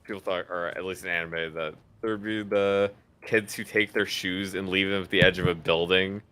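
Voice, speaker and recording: A young man chatting with a friend during a video game, explaining his thoughts in an animated, loose way with plenty of fillers. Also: low-pitched, normal speed, smooth. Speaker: co-player. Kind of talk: casual gameplay chat.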